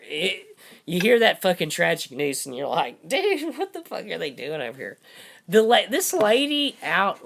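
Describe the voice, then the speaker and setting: A hoarse man rambling and cursing his way through casual live-stream chat as host, saying his voice is going out. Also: a little high, fairly bright tone, a little hiss or hum. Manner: profane, rambling storytelling.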